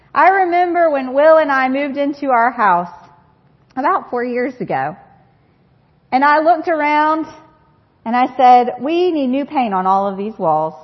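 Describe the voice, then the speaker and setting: Woman preacher, 30s, high voice, earnest storyteller; muffled, dull recording. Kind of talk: sermon. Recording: dull recording with long hall reverb.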